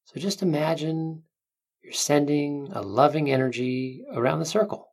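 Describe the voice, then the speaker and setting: A meditation guide speaking gently and unhurriedly, with long pauses between soothing instructions. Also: mid-range voice, breathy edge. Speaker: meditation guide, podcast host.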